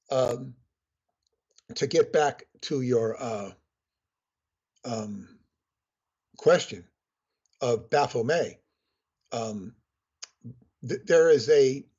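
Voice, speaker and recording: A man with a husky, breathy voice explains things in a measured, lecturing way. He speaks as a podcast guest over a remote call. The audio is muffled and lo-fi. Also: mid-range voice, darkish tone. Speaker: guest author.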